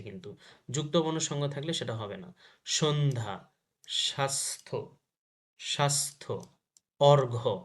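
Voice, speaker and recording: A man teaching a grammar lesson to school students. He asks questions and answers them himself, and he repeats each example word slowly. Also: medium pitch.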